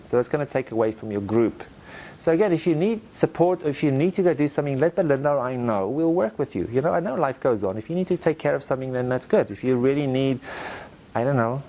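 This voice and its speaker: Animated man leading a live workshop. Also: mid-range voice. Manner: animated, acts out quotes in playful voices; direct, asks the audience to repeat lines to each other. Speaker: presentation skills trainer. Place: training room with a live audience.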